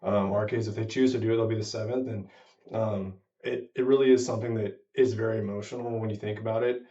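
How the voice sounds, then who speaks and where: A man's voice: on the low side, fairly even intonation, quick pace, dark tone. A man, a farmer, chatting casually in an earnest, reflective way. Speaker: farmer co-host. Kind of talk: casual conversation. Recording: distant mic, dull muffled sound.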